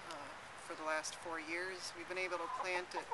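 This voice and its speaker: Young woman, urban farmer, outdoor interview, many fillers, camera mic, loud noise. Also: fairly low pitch, little pitch movement, normal speed. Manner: thoughtful, many fillers and restarts. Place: outdoors in a city garden.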